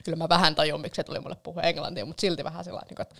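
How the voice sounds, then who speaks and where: A woman's voice: low-pitched, little pitch movement, vocal fry. A young woman telling a long story in a casual chat, rambling with lots of fillers and the odd swear.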